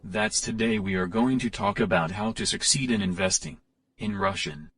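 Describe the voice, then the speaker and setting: A man voicing a deadpan male translator who gives flat, literal translations, recorded on a distant mic. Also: on the low side, normal speed, vocal fry, exaggerated voice.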